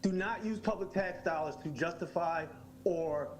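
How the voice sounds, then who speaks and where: A man giving a public comment at a school board meeting, halting with many fillers, then earnestly pleading with the board. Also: a little high, low-quality recording.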